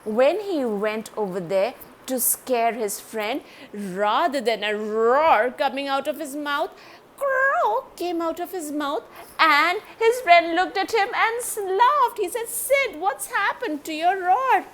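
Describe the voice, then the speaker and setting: Slow, high-voiced woman storyteller. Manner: animated, addresses young listeners directly. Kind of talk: children's story read-aloud.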